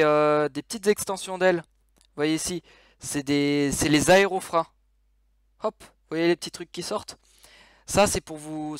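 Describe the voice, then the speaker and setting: A man's voice: a little high, clear, resonant tone, no room sound, clean studio sound. A man giving a casual game tutorial over his screen, explaining controls with many fillers and restarts.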